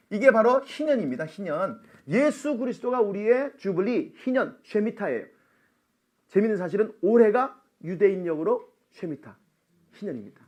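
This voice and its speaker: A middle-aged man preaching at a church seminar, animated and laughing often, calling out for amens. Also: sits high. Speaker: missionary seminar speaker. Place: church sanctuary.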